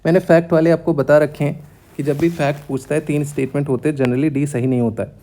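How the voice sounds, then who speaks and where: A man teaching exam strategy in a casual lesson, reading test statements aloud slowly and then explaining them quickly. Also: a little high, fairly even intonation, mellow, a little hiss or hum.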